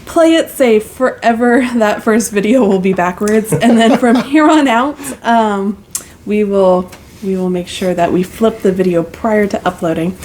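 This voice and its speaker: Chatty, giggly woman co-host at home, mid-pitch, phone mic with faint background hiss. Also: measured pace, darkish tone. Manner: chatty, giggly, lots of ums. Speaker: co-host of a cross-stitch channel. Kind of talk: casual chat. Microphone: mic plugged into a phone.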